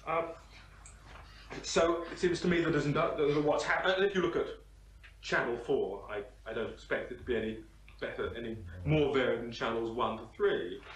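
Male questioner, mid pitch, hesitant, roomy distant audio. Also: normal speed. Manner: searching, hesitant, builds his argument at length. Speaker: audience member asking a question. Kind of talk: discussion question. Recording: roomy sound from far off the mic, faint hiss.

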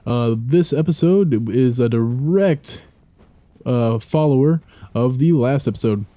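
A man's voice: medium pitch, a little slow, mellow, dry recording. A young man giving casual, rambling gameplay commentary with many fillers and asides. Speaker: let's play commentator.

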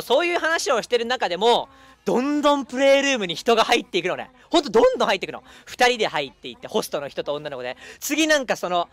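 A young man chatting casually as a streamer, telling a long story in an animated way and acting out the people in it. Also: high voice. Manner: animated, acts out quoted people.

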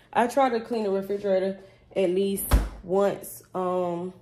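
With a mellow, medium-pitched voice and a little hiss or hum, a young vlogger and mother of five talks casually to viewers, whom she calls y'all, about her kids. She confides chattily while recording on a phone camera, handheld or propped up, indoors in her home kitchen and pantry.

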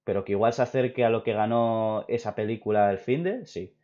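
A young man from Spain with a Spain Spanish accent, hosting a casual opinion chat and rambling excitedly with many restarts. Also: on the low side, fairly quick. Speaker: video host. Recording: dull lo-fi recording.

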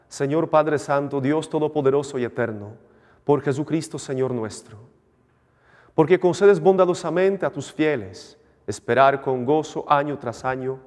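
A man priest celebrating Mass, reciting the liturgical prayers in a measured, solemn way, his voice ringing with cathedral echo. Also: on the high side. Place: large church. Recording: long church reverb.

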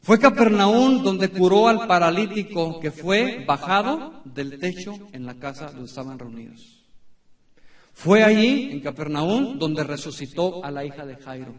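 A man in his thirties preaching a sermon in a church, emphatic, with dramatic pauses and repeated phrases. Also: high voice, expressive. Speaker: pastor. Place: church sanctuary. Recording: echoey room from a distance.

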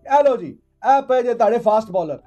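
A man's voice: extremely high pitch, animated, moderate pace, warm tone, soft background music. A man, giving sarcastic cricket commentary in a studio, mocking and repeating phrases for emphasis. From Pakistan. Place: indoor studio.

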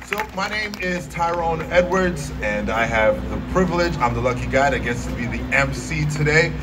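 A man's voice: on the high side, lively intonation, normal speed. Male MC, distant and very noisy. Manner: informal, joking, addressing a crowd. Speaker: master of ceremonies. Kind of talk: public ceremony speech with casual asides. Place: outdoor stage, recorded from back in the audience. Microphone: podium microphone, picked up by a distant camera. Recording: distant, very noisy outdoor audience recording.

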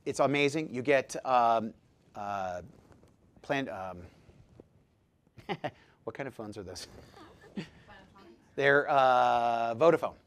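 Guy presenting a seminar live, chatty and jokey, tosses questions at the crowd, middle pitch. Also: slow pace, long pauses. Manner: lively, jokey, quizzes the audience. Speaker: presenter at a dental practice seminar. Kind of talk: live seminar talk to an audience.

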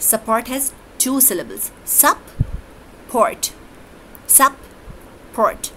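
A woman teacher, giving a deliberate grammar lesson that moves between English and Urdu. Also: medium pitch, a little hiss or hum, low-quality recording.

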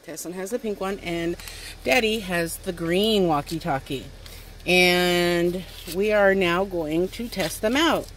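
Speaking slowly in a lowish voice, this toy-review host and mother films an unboxing outdoors on a wooden step next to a house. She works out her explanations on the fly, talking into a nearby handheld phone or camera, and the outdoor audio is noisy.

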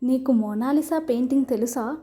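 A woman's voice: sits high, brisk, dark tone, natural voice. A woman doing a sarcastic young husband. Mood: stern. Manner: sarcastic, stern. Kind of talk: storybook reading.

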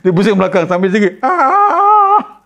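A man with a Malaysian Malay accent, casually telling a funny story about a gig. He laughs often and acts out a shrill scream. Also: animated, normal speed. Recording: dull lo-fi sound.

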